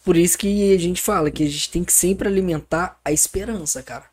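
Talking fairly quickly in a high voice, a man appears as a guest on a podcast and spins casual stories. He brings them to life by performing the other characters' lines.

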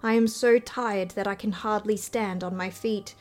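A woman's voice: medium pitch, steady tone, normal speed, darkish tone, lightly acted. A woman voicing a trusting young male hunter who speaks earnestly in a fairy tale reading.

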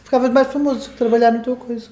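A man's voice: very high-pitched, flat delivery, very fast, dark tone. A man with a European Portuguese accent chatting casually as a podcast co-host. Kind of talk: casual chat. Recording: echoey room.

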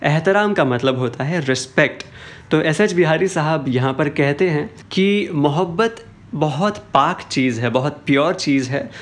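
A man hosting a casual lesson on words from old film songs, slipping English phrases into his Hindi. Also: on the high side. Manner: mixes Hindi with English phrases, sings song lines slowly. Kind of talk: casual spoken lesson with sung excerpts.

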